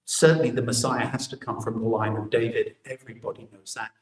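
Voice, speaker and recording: A man's voice: mid-range voice, fairly even intonation, fairly quick. A man preaching a sermon in a church, explaining scripture and posing rhetorical questions to the congregation. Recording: echoey church from a distant mic.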